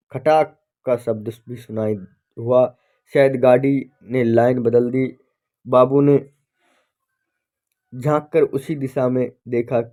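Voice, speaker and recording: A man teaching literature by reading a short story aloud slowly, pausing to correct and explain himself. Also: mid-range voice, warm tone. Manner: slow, deliberate reading with self-corrections.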